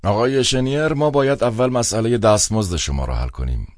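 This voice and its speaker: Man putting on an old stingy charity boss, cold and petty, voice pitched well above the narrator's, dry close sound. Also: lively intonation, no room sound, close to an everyday voice.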